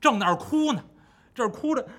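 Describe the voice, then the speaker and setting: Animated male storyteller, lively and high. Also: a little fast. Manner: animated, dramatic and rhythmic. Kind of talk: traditional Chinese storytelling.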